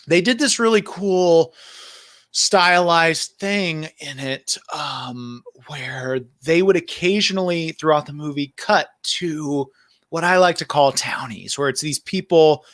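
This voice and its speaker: A man's voice: fairly high pitch, unhurried, a bit bright, no room sound, clean studio sound. A man hosting a livestream as the filmmaker, talking casually and rambling with many fillers and restarts. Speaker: filmmaker host.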